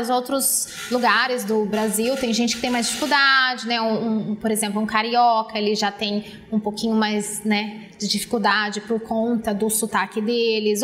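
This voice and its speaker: A woman's voice: on the high side, moderate pace, few pauses, a bit bright. A woman who teaches English, talking as a guest in a casual interview in a Brazilian accent from the Paraná countryside. She speaks in an encouraging, chatty way and acts out her students' voices. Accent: Paraná countryside Brazilian Portuguese, rolled-back R.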